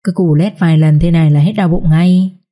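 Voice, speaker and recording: Woman voicing a sly sharp-tongued young maid, mocking, low mellow voice. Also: steady tone, fairly quick, natural voice.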